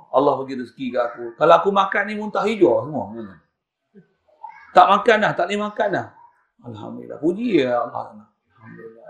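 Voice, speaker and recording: Echoey Malaysian preacher man, emphatic. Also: high voice. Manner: swings between loud emphatic lines and soft murmurs, mixing in English phrases. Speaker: religious preacher. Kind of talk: sermon. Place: mosque prayer hall. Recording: echoey hall.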